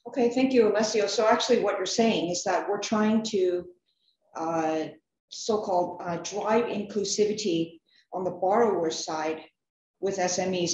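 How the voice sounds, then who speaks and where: A woman's voice: on the low side, darkish tone. A woman moderating a panel discussion, summarising answers and inviting each panelist to speak. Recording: echoey, muffled room with faint noise.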